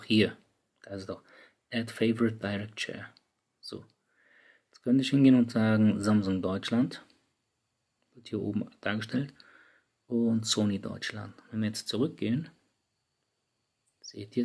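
A man's voice: on the low side, steady tone, measured pace, pauses often, a little mellow, slightly rough. A man talking viewers through phone settings in a casual, chatty tutorial, speaking straight to his audience. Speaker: tech YouTuber. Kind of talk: screen-recorded app tutorial. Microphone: studio microphone.

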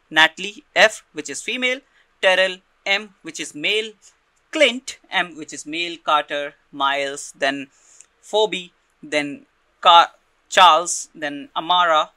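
A man talks through a software tutorial one step at a time, stopping often to check in and repeating words as he goes. His voice sits a little high and cuts through sharply. The recording is dry and close, with no room sound. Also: no echo. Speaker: tutorial presenter.

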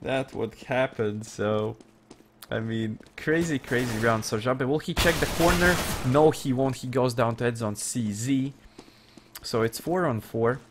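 A man's voice: mid-range voice, a little slow. A man casting a live shooter match, amused and often laughing in disbelief at the plays. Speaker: esports caster. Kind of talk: live game commentary. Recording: game gunfire noise behind voice. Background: game gunshots and clicks.

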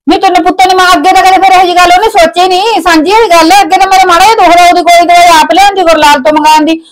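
A woman's voice: very high voice, steady tone, racing, over a noisy crowd, poor audio. An actress playing an aging mother neglected by her son and daughter-in-law, talking in a complaining, reproachful way in a village drama. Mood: accusing. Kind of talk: village web drama acting.

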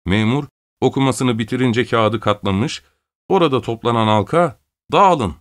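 A man narrates an audiobook in a mid-range voice. His reading is measured and scripted, paced like a storyteller. He lifts his voice slightly when quoting the characters. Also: mid-range voice.

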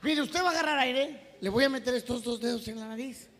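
A man with a Mexican accent voicing a polite young male medical student in a calm, courteous tone. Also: very high voice, fast talker, pitched above the performer's own voice. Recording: echoey hall, faint background noise.

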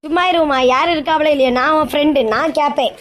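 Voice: sits high, steady tone, fairly bright tone, a little hiss or hum. Someone playing a brash hot-headed young man. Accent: Kanyakumari Tamil. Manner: brash, quick-talking. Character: hot-headed young husband, loyal friend.

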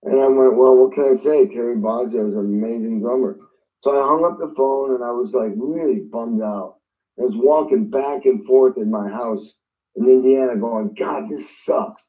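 A man's voice: mid-range voice, normal speed, highs cut off. A man, a guest drummer, telling a story in an interview and acting out phone calls in different voices.

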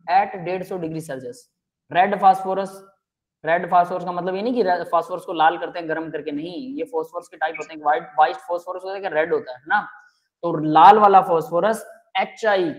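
Male chemistry teacher, live online lecture, step-by-step explaining, checks in with students often. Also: high voice. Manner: explains step by step, keeps asking students if it is clear; addresses students as beta and bhai.

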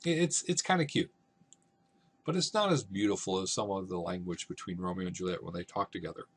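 A man's voice: fairly low pitch, fairly bright tone, slightly rough. A man teaching a literature lesson in a casual, conversational way, often checking in with "right?".

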